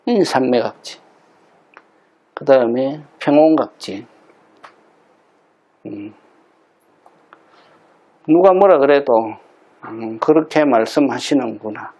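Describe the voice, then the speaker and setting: A man's voice: medium pitch, animated, drawn-out words, pauses often, warm tone. A middle-aged man teaching meditation in a Buddhist dharma talk, explaining patiently and repeating key terms for emphasis.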